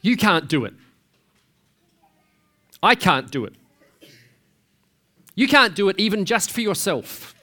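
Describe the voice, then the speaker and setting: A man delivering a sermon in a chatty, searching way, with his voice sitting a bit higher than most men's. He keeps asking the listeners questions and trips over his words as he restarts. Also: pushed and bright. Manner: conversational, with frequent restarts and rhetorical questions. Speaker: pastor.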